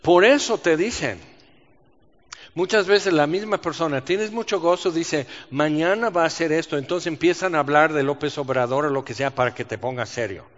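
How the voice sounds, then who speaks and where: Animated preacher in a reverberant hall. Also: male voice, a little high, normal speed. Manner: animated, rhetorical questions, acts out quoted voices. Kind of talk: sermon. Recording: dull sound with long reverb in a large hall.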